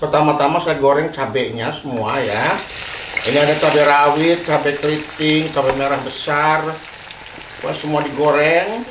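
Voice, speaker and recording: A man's voice: on the high side, steady tone, moderate pace, roomy sound, noisy background. Chatty man hosting a cooking lesson. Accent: Indonesian, with Sundanese terms. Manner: chatty, friendly, ends phrases with "ya". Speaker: cooking channel host. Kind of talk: home cooking tutorial. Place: home kitchen. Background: frying and sizzling.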